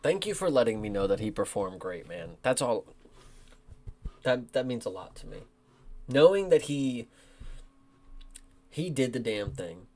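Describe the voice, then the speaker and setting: A young man streaming, reacting to fight results in a frustrated, profane, animated rant with lots of slang. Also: mid-range voice, unhurried, pauses often. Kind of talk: casual livestream reaction.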